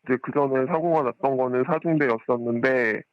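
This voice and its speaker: A parent calling in anonymously, whose voice is disguised with a pitch-shifting voice changer, speaking hesitantly with many pauses. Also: no room sound, lo-fi sound. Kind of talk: phone-in interview.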